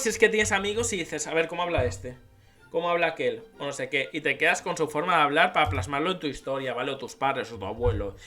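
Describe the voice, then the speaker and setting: Offering dialogue-writing advice in a casual YouTube tutorial, this man checks in with "¿vale?" again and again. His voice is on the high side, pushed and bright.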